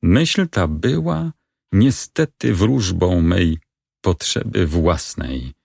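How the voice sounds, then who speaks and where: A man reading the part of a young male lover in grim despair in a stage play, with slow, solemn delivery. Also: sits low, animated, gravelly, a little mellow, no room sound, clean studio sound, full character voice. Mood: brooding. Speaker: reader of a play.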